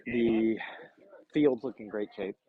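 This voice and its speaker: A man's voice: fairly low pitch, fairly even intonation, takes it slowly, husky. A man calling a youth baseball game from beside the field in a chatty, easygoing way. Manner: chatty, laughs often. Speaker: play-by-play announcer. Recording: muffled lo-fi stream audio.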